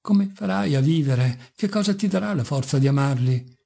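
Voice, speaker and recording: A man voicing a gentle young novice in an audiobook, speaking with sorrowful pleading. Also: on the high side, animated, normal speed, vocal fry, slightly rough, exaggerated voice.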